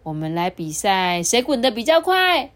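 A woman voicing a lonely little red button in a children's story, high and childlike. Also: big pitch swings, moderate pace, lightly acted. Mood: eager.

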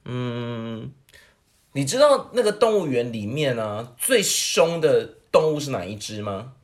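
Giggly podcast co-host with lively pitch. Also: measured pace. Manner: laughs a lot, giggly high bursts; animated, swings pitch widely. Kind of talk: casual comedic chat, telling jokes.

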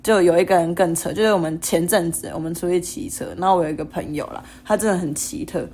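Fast-talking young Taiwanese woman storyteller. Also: on the low side, breathy edge. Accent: Taiwanese Mandarin. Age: young adult. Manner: animated, laughing, acts out quoted lines. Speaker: podcast guest. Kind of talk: casual storytelling chat.

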